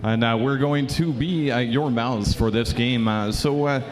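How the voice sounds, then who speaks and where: Fast-talking male derby commentator, noisy arena. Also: medium pitch. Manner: fast, filler-heavy, self-described caffeinated. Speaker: sports commentator. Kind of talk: roller derby play-by-play.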